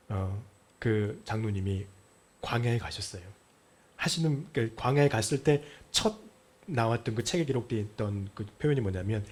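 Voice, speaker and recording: A middle-aged male pastor delivers a sermon with a slightly husky voice. His pitch swings widely as he tells Bible stories, acts out the quoted lines and sometimes sinks to a near-whisper. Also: a little mellow.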